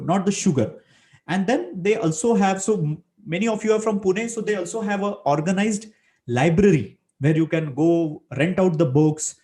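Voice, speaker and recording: High-voiced man with a Marathi Indian accent. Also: mellow. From Maharashtra, India. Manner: emphatic, repeats key phrases; mixes Hindi into English. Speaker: business coach and webinar host. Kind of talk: motivational webinar talk.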